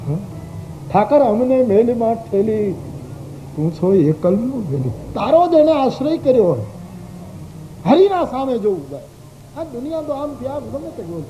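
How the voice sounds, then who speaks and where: A man's voice: extremely high pitch, a little slow, a little hiss or hum. A man telling a devotional story as a sermon, singing verses and acting out the characters' voices. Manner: expressive, acts out the characters' voices. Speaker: religious storyteller. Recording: dull old live recording with faint music.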